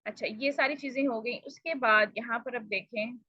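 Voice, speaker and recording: A woman's voice: a little high, pushed and bright, dry recording, muffled recording. Woman teaching careful letter sounds. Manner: explains patiently and repeats sounds slowly to demonstrate; polite address with "ji". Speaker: tajweed teacher. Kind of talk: recorded pronunciation lesson.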